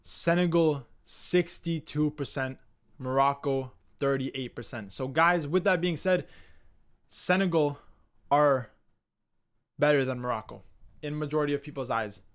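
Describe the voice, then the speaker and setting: Hosting a live stream, a young man from Canada talks to viewers in an energetic, casual way, leaning on slang and repetition. His voice is a little high, clear and resonant, and his pace runs a touch slow.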